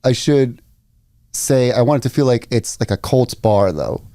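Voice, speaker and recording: A man's voice: medium pitch, normal speed, warm tone, no room sound, clean studio sound. A man co-hosting a casual sports podcast, joking and riffing on bits with his co-host. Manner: joking banter, riffs on bits.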